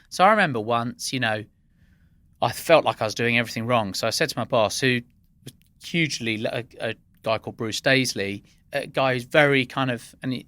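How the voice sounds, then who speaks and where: Bright-voiced man telling earnest anecdotes. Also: mid-range voice, dry recording. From Iran, raised in England. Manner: earnest, anecdotal, with frequent restarts. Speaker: guest. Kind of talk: interview conversation.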